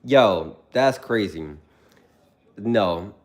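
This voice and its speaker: A man's voice: lowish voice, extremely slow. A young man chatting casually on a livestream, telling stories with animation and reading viewers' comments aloud. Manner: animated storytelling, reads chat aloud.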